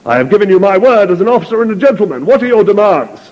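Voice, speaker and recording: A man voicing an outraged male general who shouts orders at his troops, read aloud in an echoey hall. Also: high-pitched, sing-song, racing, voice pushed up. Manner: shouting, indignant. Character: furious male American general, commanding officer. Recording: echoey hall, dull lo-fi recording.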